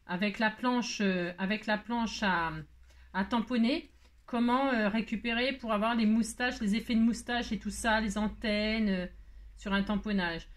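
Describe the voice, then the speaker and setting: A woman with a slightly high voice, talking viewers through a craft project at her worktable. She rambles from one aside to the next, hurried and teasing at her own expense, and keeps checking in with her viewers. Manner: hurried, self-mocking. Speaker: craft tutorial host. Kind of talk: casual crafting tutorial talk.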